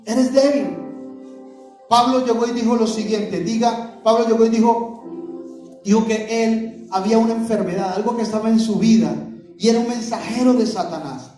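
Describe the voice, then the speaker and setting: Man preaching, high voice, mellow tone, heavy echo from a distant mic, music underneath. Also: moderate pace. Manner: preaching with call-and-response questions to the congregation. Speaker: pastor. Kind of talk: sermon. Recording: echoey hall, voice from far off, music behind.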